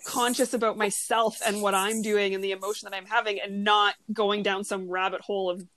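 A woman's voice: medium pitch, little pitch movement, fairly quick, fairly bright tone, no echo. A woman in her thirties talking earnestly and reflectively in a casual conversation, with lots of fillers.

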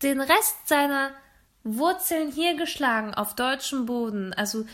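A woman's voice: sits high, measured pace, a bit bright. A woman hosting a casual podcast, telling a story with lots of little fillers. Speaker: podcast host.

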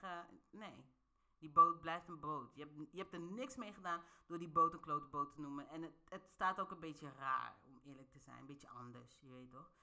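Her voice sits low yet sounds pushed and bright. She's a vlogger giving a playful, easygoing monologue to her viewers, laughing often and asking them questions to make sure they follow.

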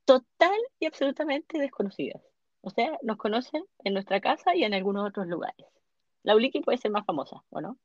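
A woman's voice: on the high side, lively intonation, brisk, no room sound, lo-fi sound. A woman with a Chilean accent hosting a podcast over a call, asking questions and teasing her guest in casual chat. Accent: Chilean Spanish. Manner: upbeat, teasing interviewer. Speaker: podcast host. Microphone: computer mic on a call.

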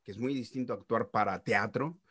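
A middle-aged man, a voice actor telling stories in an interview, animated and full of sound-effect interjections. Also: fairly low pitch, brisk, husky, no room sound, clean studio sound. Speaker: voice actor guest. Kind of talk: casual interview storytelling.

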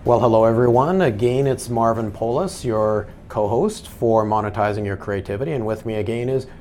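A man co-hosting a podcast, presenting with an animated delivery. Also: mid-range voice, normal speed, faint music behind. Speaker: co-host.

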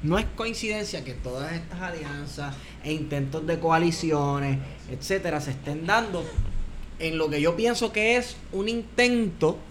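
A man's voice: on the high side, a little slow. A man with a Caribbean Spanish accent, casually discussing politics as a podcast panelist. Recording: clearly noisy background ambience.

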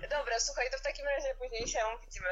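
Woman caller heard over speakerphone, rapid and sharp, muffled phone sound. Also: high voice, a crowd in the background. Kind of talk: casual phone chat.

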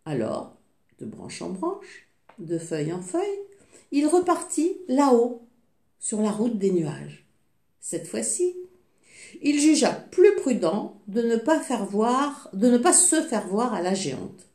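Slow, expressive woman storyteller. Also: fairly high pitch. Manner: slow, expressive reading with small slips. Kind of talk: reading a fairy tale aloud. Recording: echoey room.

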